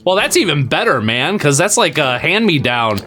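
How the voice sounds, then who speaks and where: A man with a slightly high, bright, forward voice talks casually through a live game stream. He rambles, uses fillers and the occasional swear, and talks straight to his chat. Soft game music plays faintly behind him. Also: very animated, normal speed. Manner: talks to chat while playing.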